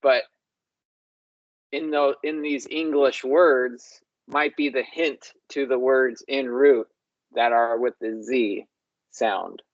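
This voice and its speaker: A language show host who muses slowly and says words aloud to compare how they sound. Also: mid-range voice, steady tone, highs cut off. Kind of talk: slow, exploratory discussion of word sounds.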